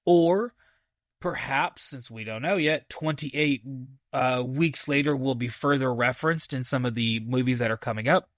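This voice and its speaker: A man hosts a movie review podcast, casually discussing a film while thinking aloud haltingly and repeating points with enthusiastic emphasis. His voice is medium-pitched, and the studio-quality recording has no echo.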